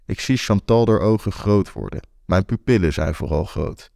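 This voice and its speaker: A young man telling a first-person story in a wry, deadpan way. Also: on the low side, moderate pace, vocal fry, no room sound, clean studio sound. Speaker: author and narrator.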